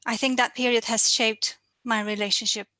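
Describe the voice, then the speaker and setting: A woman in her thirties from Romania, speaking with a Romanian accent as a financial coach guest, measured and reflective, on a video call. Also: fairly high pitch, flat delivery, sharp tone, no room sound. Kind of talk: online interview.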